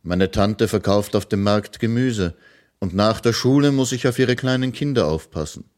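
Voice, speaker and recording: A man's voice: on the low side, moderate pace, a little mellow, pitched above the performer's own voice, lightly acted. A man voicing a serious young girl in a storybook, speaking earnestly and plainly. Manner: earnest, matter-of-fact.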